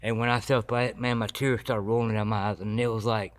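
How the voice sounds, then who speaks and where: A man giving his personal recovery testimony as a podcast guest, earnest and halting with many restarts. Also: lowish voice, little pitch movement.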